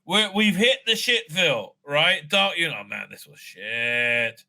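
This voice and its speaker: A fairly high, gravelly yet bright and forceful male voice speaks a little slowly and expressively. Hosting a fan review show, he rants bluntly and casually, cursing freely, exasperated, and tacking a questioning "right?" onto many points.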